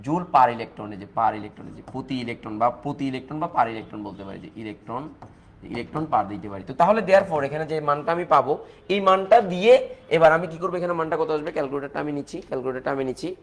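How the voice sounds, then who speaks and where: A man with a Bangladeshi Bengali accent teaches chemistry in a live online class, speaking quickly at a medium pitch over slight hiss or hum. He goes through calculations step by step, repeats the key points, and responds to viewers' comments.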